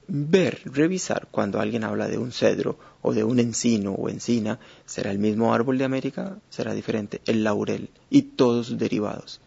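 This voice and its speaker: A man teaching a lesson, speaking in a measured way with many hesitations and fillers. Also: medium pitch, creaky, warm tone, husky. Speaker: Spanish teacher. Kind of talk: explanatory lesson. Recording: dull lo-fi recording.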